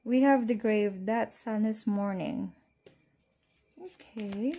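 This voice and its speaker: Slow, mellow woman fortune teller reading tarot. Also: mid-range voice. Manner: fortune teller, reading cards and predicting to the listener. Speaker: tarot card reader.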